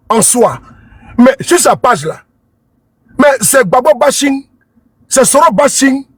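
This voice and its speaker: A man with a high voice talks straight to his viewers as he scrolls through posts. He sounds scornful and repeats himself, asking again and again whether they can see. The sound is dry and close. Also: fairly bright tone, slightly rough, dry recording. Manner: repetitive, scornful, keeps asking "you see?". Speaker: online commentator. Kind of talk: talking to camera while scrolling a social media page.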